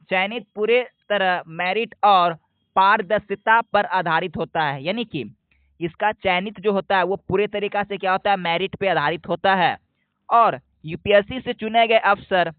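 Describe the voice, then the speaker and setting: A man teaching an exam prep lesson, asking questions and answering them himself, repeating key points slowly. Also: sits high, no echo. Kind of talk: explanatory lesson. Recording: dry, phone-like narrow sound.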